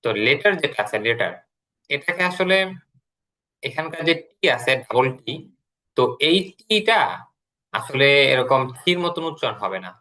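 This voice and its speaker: A man teaching an online English class, explaining slowly and repeating words as he goes. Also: mid-range voice, lively intonation, sharp tone, poor audio.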